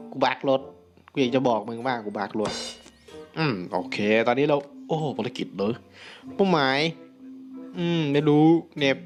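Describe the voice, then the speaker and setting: A young man giving casual gameplay commentary, excitable, breaking into loud exclamations and talking to viewers. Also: mid-range voice.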